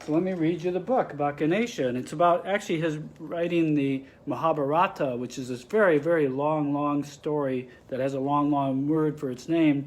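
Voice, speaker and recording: A man reading a picture book aloud to children, explaining the pictures with friendly asides. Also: a little high. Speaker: storybook reader.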